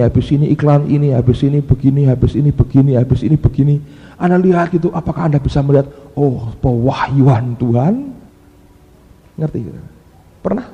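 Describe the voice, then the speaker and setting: Male pastor, lively sermon delivery, long hall reverb. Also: on the high side, dull audio. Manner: animated preacher with sudden exclaimed cries.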